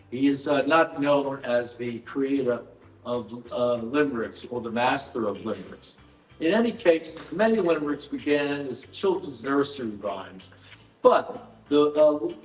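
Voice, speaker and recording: Man, fairly high voice, measured explainer, dry asides, roomy echo, mic a bit distant, faint music behind. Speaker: author presenting his book. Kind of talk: live explanatory talk to an audience. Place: event hall at a book fair.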